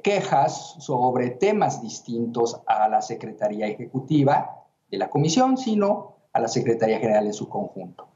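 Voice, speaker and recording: A man speaking in a measured, official tone, pausing and hesitating as he works through his answers. His voice is dark and mellow at a middle pitch. He is heard over a dull, muffled remote line that sounds roomy. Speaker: interviewee, human rights commission president. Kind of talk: formal remote interview answers.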